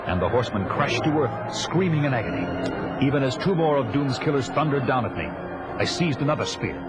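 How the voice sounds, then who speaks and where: As narrator and lead actor, a man plays a vengeful, battle-hardened barbarian warrior, grim and proud, recounting his own tale in first-person audio drama. His medium-pitched, expressive voice is a little fast, grave, and urgent, solemn and declamatory yet close to everyday speech. Loud music plays behind him, and the recording is very noisy.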